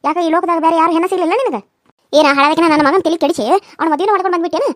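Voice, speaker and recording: A shrill, very high, berating cartoon mother-in-law with a North Karnataka Kannada accent, voiced by a woman. She fires off her scolding at a breakneck clip, repeating herself. The sound is dry and close. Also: rapid-fire, dry recording. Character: furious scolding middle-aged mother-in-law. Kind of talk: cartoon serial voice acting.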